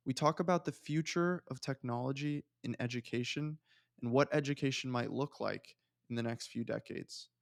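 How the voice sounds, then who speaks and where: A man's voice: medium pitch, no room sound, studio quality. A man hosting a podcast, introducing his guest and asking questions. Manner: clear, scripted intro then casual questions. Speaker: podcast host.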